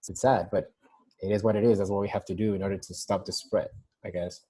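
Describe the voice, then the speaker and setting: A man's voice: low-pitched, little pitch movement, fast, dark tone, husky. A young man from Mexico with a Mexican Spanish accent, working as a nurse and talking casually on a phone call in a rambling way, full of restarts. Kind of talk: casual interview over a call. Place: San Diego.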